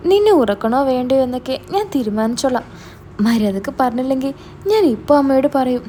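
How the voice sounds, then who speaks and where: A stern older brother, read by a woman in her own voice, presses hard with suspicious questions. The tone is mellow and dark rather than bright, sitting slightly high, with a faint hiss behind it. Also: lively intonation, quick pace. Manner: stern, interrogating.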